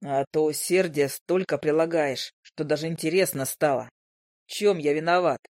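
A woman voicing a stubborn, matter-of-fact male hunter in a lowered, unhurried voice for an audiobook. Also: darkish tone, no echo, studio quality, close to an everyday voice. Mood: calm deadpan.

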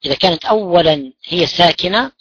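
A man's voice: sits high, a little fast, fairly bright tone, dry recording, dull audio. A man teaching a class in a classroom-lesson style. He asks his students questions and then answers them himself. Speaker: religion teacher. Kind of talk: classroom lesson on Quran recitation rules.

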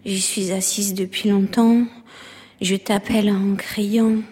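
An actress playing a lonely, fragile woman who speaks slowly and often in a whisper, in a stage play. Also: mid-range voice, flat delivery, husky, long reverb tail. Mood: hushed. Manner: slow, hushed, often whispering.

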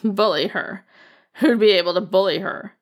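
A woman reading an audiobook and voicing a sly, scornful young man who talks in a flat, teasing, sneering way. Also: medium pitch, normal speed, close to an everyday voice. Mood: mocking.

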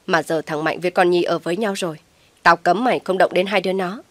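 A woman voicing an enraged middle-aged mother who shouts and scolds harshly, in a dry, close recording. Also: on the low side, fairly even intonation, fast talker, no room sound, close to an everyday voice. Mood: stern scolding.

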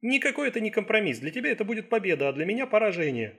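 A man's voice: high-pitched, animated, quick pace, fairly bright tone, slightly rough, voice pushed up, full character voice. A man voicing a patient but unyielding male caretaker in an audiobook thriller. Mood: firm. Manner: firm, unyielding.

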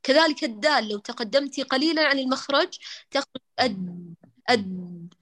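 A woman's voice: high-pitched, fast, fairly bright tone. A woman teaching tajweed in an online class, explaining pronunciation patiently and demonstrating letter sounds again and again, addressing her students affectionately. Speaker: Quran recitation teacher.

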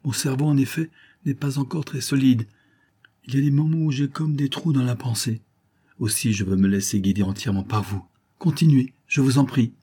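A frail, feverishly impatient old banker from a period novel, as a male narrator plays him, anxious and pleading by turns. The voice sits a little higher than the narrator's own. It stays dark and husky. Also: brisk. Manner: anxious, pleading, then demanding. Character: shaken older male banker, weakened and impatient.

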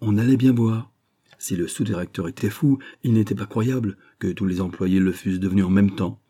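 A man reading a classic adventure novel aloud as an audiobook narrator, measured and even. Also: on the low side, breathy edge. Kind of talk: scripted narration.

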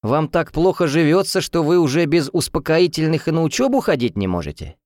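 A man's voice: fairly high pitch, sing-song, brisk, a little mellow, no echo, studio quality, voice pushed up. A man voicing a cheerful young male student in an audiobook, teasing with jolly mockery. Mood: mocking.

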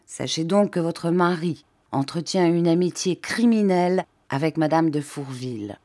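A woman's voice: low voice, moderate pace, dark tone, natural voice. A woman voicing a stern, zealous male village priest who scolds and preaches with fire in an audiobook reading. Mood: grave.

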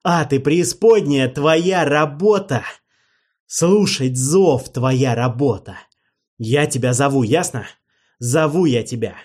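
A man voicing a despairing male necromancer king who pleads and rages in loud, anguished outbursts. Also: mid-range voice, expressive, slow pace, voice pushed up. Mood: pleading, frantic.

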